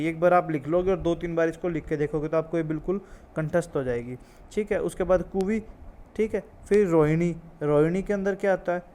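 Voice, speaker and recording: A man's voice: a little high, a little mellow. A man teaching an ayurveda exam lesson, repeating key terms, drilling memory tricks and asking and answering his own questions. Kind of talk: classroom-style lecture with memory tricks.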